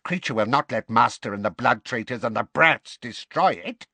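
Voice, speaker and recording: Man doing a wheedling old house-elf, high-pitched, muttering, bitter, dry close audiobook sound. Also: expressive, normal speed, bright, forceful tone, dry recording. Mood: muttering spite. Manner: muttering, resentful, fawning to his master. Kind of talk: audiobook character voice.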